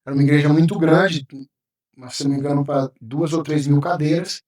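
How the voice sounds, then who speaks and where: A man's voice: on the high side, steady tone, fairly quick, a little mellow. A man, a pastor giving an emotional personal testimony as a podcast guest, acting out what he once said. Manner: emotional, vivid storytelling, acting out his own past words. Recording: roomy sound, mic at a distance.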